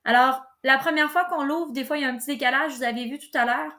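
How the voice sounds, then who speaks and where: Higher-pitched woman giving a tutorial. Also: fast, bright, forceful tone. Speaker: tutorial presenter. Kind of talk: informal software tutorial narration.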